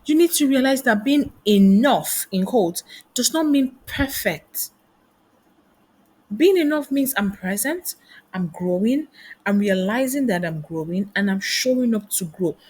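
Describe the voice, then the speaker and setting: Her voice is mid-range, darkish, and breathy at the edges, and she speaks expressively at a measured pace. The woman is a career coach and trainer giving a motivational teaching talk packed with rhetorical questions.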